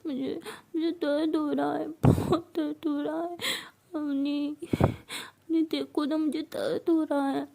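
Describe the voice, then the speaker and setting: A woman's voice: sits high, level tone, measured pace, vocal fry, mellow. A woman voicing a drunk young college woman, clingy and tearful, with slurred, childish whining. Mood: drunk pleading. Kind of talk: storybook role-play.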